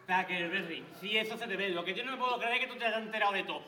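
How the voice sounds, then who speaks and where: A man doing a wisecracking young police cadet who delivers deadpan one-liners in a high, bright voice. The room is echoey, with faint noise behind. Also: racing. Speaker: police academy recruit. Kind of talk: comedy sketch acting.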